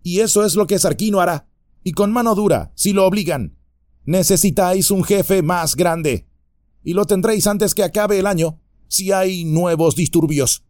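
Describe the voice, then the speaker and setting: A man's voice: high voice, moderate pace, darkish tone, dry recording, studio quality, pitched above the performer's own voice, lightly acted. A man voicing a big, sneering, brutish ruffian in an audiobook, menacing and mocking. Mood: threatening.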